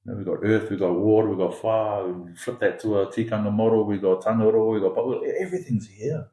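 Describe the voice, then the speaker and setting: Podcast guest, male, from Singapore: warm low voice, insistent repetitive delivery, roomy sound. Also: fairly quick, dull audio. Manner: emphatic, repetitive, builds points through extended metaphor. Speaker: founder of an education academy, podcast guest. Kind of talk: conversational podcast interview.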